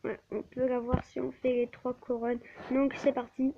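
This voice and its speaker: This gaming channel host talks through her gameplay live at a moderate pace, her high voice holding a level tone. She often stumbles and starts words over. The tablet mic recording sounds dull and lo-fi, with a faint hiss underneath.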